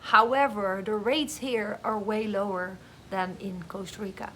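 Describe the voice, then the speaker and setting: A woman's voice: medium pitch, fairly even intonation, measured pace, sharp tone, a little hiss or hum. A woman from the Netherlands, chatting casually and rambling on a live video while a bit groggy from painkillers. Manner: chatty, rambling, with many fillers. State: groggy on painkillers after dental work. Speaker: vlogger and online business coach. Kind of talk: casual live-stream talk. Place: home, with dogs nearby.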